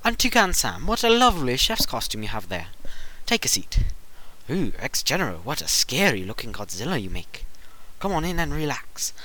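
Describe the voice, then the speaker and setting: A man's voice: medium pitch, big pitch swings, normal speed, bright, forceful tone, voice pushed up, rough recording. A man voicing a fussy old fairy godmother, sugary and theatrically polite, in a comedy audio drama. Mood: gushing welcome.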